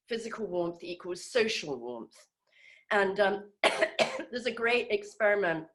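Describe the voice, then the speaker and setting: A woman giving an informal talk on a video call, conversational and hesitant, with many fillers and restarts. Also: on the low side. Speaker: speaker in an online group session.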